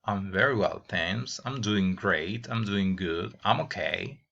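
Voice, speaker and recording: A man's voice: low voice, slow, creaky, a bit bright. A man teaching English grammar to teenagers, reading each example question and translating it into Spanish. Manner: addresses students as "jóvenes". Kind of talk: bilingual grammar lesson. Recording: dull lo-fi recording.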